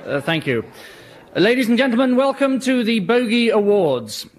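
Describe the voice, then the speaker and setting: Flustered polite dj hosting awards, high-ish voice, comedy show, background noise. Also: male voice, very animated, normal speed, a faint crowd. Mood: awkwardly formal. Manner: hesitant, stiffly formal, exasperated politeness. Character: awkward, long-suffering male disc jockey hosting awards.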